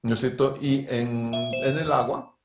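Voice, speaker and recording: Music plays in the background of an echoey room as a middle-aged man with a Bolivian Spanish accent gives an online engineering lecture by video call. His medium-pitched voice is steady and unhurried, and he often checks in with a rhetorical "¿no es cierto?"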